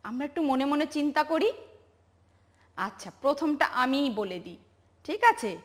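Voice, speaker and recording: A woman's voice: high-pitched, animated. A woman teacher with a Bangladeshi Bengali accent gives a home-learning lesson to young children, patiently drawing out each word and asking them to repeat after her. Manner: slow, patient, drawn-out recitation with call-and-response questions. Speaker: pre-primary teacher.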